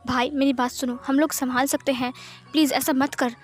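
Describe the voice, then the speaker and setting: Woman doing a calm uncle trying to settle things down, high voice, fan story. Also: brisk. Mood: placating. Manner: urgent, placating. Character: calming middle-aged uncle, level-headed man.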